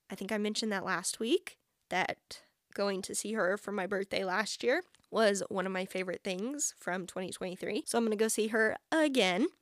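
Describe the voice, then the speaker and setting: A woman in her twenties hosts a solo podcast, chatting casually and informally and saying "like" a lot. Her voice is medium-pitched, and the recording is dry and studio quality.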